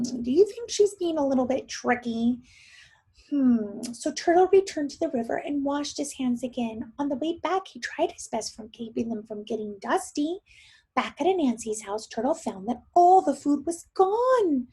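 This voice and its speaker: A woman teacher reads a story aloud to young children, expressive and often thinking aloud with questions for her listeners. Her voice sits high and is slightly rough, and she keeps a moderate pace.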